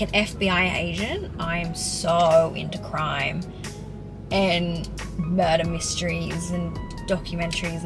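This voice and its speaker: A young Australian woman in her twenties answering viewer questions in a casual vlog, chatty and full of "like". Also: on the low side. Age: 20s. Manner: chatty, peppered with "like". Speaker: fitness vlogger. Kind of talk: casual Q&A to camera. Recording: music playing underneath. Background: background music.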